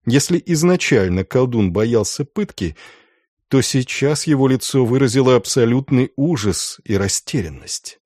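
A man with a mid-range voice narrates an audiobook in a measured, expressive storytelling style. The recording is dry and of studio quality.

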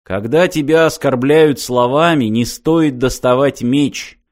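A man reading the lines of a tall, grey-skinned alien who speaks slowly and solemnly. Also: medium pitch, close to an everyday voice.

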